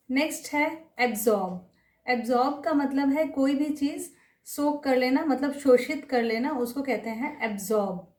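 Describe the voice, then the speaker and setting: A high-voiced woman teaches pronunciation at an unhurried pace. She says each word slowly and repeats it for her learners. Her voice comes from a distance in a roomy, echoing space. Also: a little mellow. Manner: repeats each word carefully, mixing Hindi with English terms. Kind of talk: explanatory lesson, slow and deliberate.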